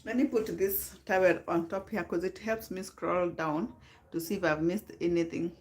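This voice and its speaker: A woman's voice: fairly low pitch, fairly even intonation, moderate pace, darkish tone, reverberant, slight background noise. A woman with a Kenyan accent hosting a casual live stream, chatting and greeting viewers by name while mixing in Swahili phrases.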